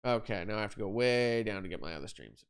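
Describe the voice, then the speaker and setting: A young adult man hosts a live photography Q&A stream, explaining lighting setups. His voice is fairly low, clean, and animated, and he talks fast. He rambles and corrects himself, leaning on fillers and repeated words.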